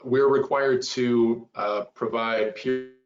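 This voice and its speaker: A man's voice: mid-range voice, steady tone, slow, soft background music. A man presenting to a committee on an online call, his voice cutting in and out as the connection drops. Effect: voice cutting in and out over a call connection. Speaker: transportation planner presenting to a committee. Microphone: remote call into an online meeting. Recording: muffled, echoey remote call audio.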